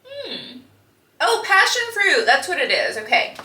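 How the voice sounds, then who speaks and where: A woman's voice: high-pitched, wildly swooping pitch, a little slow, bright, forceful tone, roomy sound. A young woman, chatting casually to camera at home with lots of "like"s and "um"s, often giggling. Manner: chatty, giggly, rambling with many "like"s and "um"s. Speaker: vlogger. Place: home kitchen.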